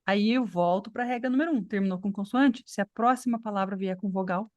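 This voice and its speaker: A woman's voice: mid-range voice, a little fast, dry recording, dull audio. A woman from Brazil teaching an online English class, explaining patiently and checking in with her students. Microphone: computer mic on video call.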